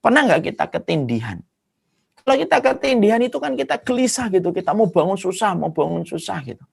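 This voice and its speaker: A man's voice: a little fast, vocal fry, slightly rough. A man preaching an Islamic sermon, vivid and dramatic, punctuating points with sound words. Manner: animated, swooping pitch with dramatic sound words.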